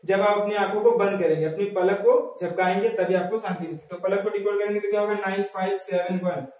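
A high-pitched man teaches a lesson on memory tricks. He keeps asking questions and answering them himself, repeating each key word. His voice sits well back from the mic and rings around a very echoey room. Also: steady tone, fast talker, darkish tone, distant mic.

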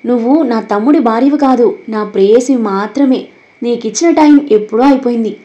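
A man's voice: very high-pitched, normal speed, mellow, muffled recording. A woman voicing a scheming, possessive young man who plays the villain in a storybook drama, menacing in tone.

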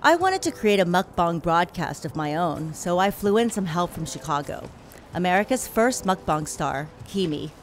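A woman narrating a scripted voice-over as the host of a show, in an upbeat, clear delivery. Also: on the low side, big pitch swings, normal speed, a little hiss or hum. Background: music.

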